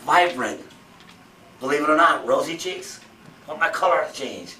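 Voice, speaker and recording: A man's voice: fairly high pitch, expressive, normal speed, crowd noise. A man in his fifties giving a motivational seminar talk, emphatic and repetitive, full of rhetorical questions. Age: 50s. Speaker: seminar speaker. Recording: roomy, from far off, faint background noise.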